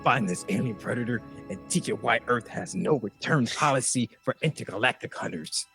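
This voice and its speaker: A brash, swaggering male squad leader full of bravado, as a podcaster puts him on. His pitch swings widely as he barks out his orders. The bluster is played for comedy. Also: animated, a little fast, vocal fry, over loud music. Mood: bold. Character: gung-ho male team leader.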